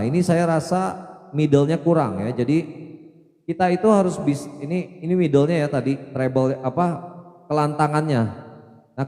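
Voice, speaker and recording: A man's voice: on the high side, mellow. A man presenting an audio equipment tutorial, explaining mixer settings step by step and repeating test syllables into the microphone. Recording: long reverb from an effects unit.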